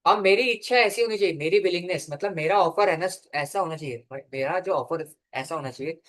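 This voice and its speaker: Man dictating a slow law lecture. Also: a little high. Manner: dictates slowly, asks and answers his own questions. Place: classroom or studio.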